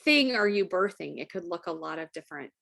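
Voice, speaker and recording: A woman's voice: lowish voice, lively intonation, brisk, gravelly, fairly bright tone. A woman chatting as a guest over a video call, chatty and playful. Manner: chatty and playful, often laughing.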